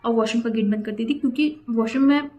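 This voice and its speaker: A woman's voice: on the high side, fast talker, warm tone. A young woman telling a personal story in a chatty, indignant way, dropping English phrases into her talk. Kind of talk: casual storytime vlog.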